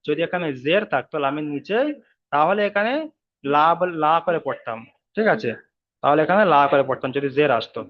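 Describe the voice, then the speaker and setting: Through phone-quality sound, a man with a slightly high voice teaches Quran reading in an online class. He explains each rule step by step, repeats it, and draws out the example words he recites.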